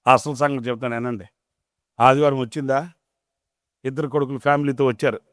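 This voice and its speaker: A man's voice: medium pitch, steady tone, brisk, no echo, studio quality. Emphatic storytelling male pastor. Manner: emphatic storytelling with rhetorical questions. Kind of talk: sermon.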